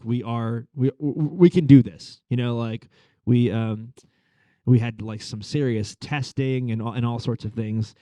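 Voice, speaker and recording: Pastor, thirties, male, from Long Island, chatty sermon delivery with fillers, warm dark voice, dry room. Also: medium pitch, dry recording. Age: 30s. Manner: conversational, frequent fillers like "like" and "uh". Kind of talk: sermon storytelling.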